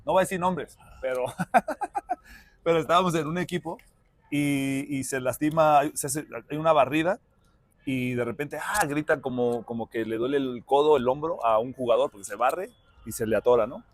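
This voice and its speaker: A man with a Mexican Spanish accent hosting a casual interview, a lively storyteller who chuckles while telling anecdotes. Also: mid-range voice, moderate pace, no room sound. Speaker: podcast host, former player.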